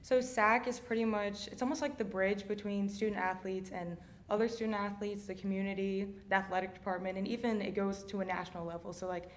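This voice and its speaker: Quick, upbeat young woman answering questions. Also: medium pitch, steady tone. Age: young adult. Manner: upbeat, chatty, many fillers like "you know". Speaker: student athlete guest. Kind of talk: interview answers.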